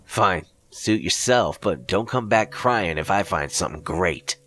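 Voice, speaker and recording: A man voicing an obsessed, reckless young man who talks fast and pushes excitedly. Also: low voice. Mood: dismissive.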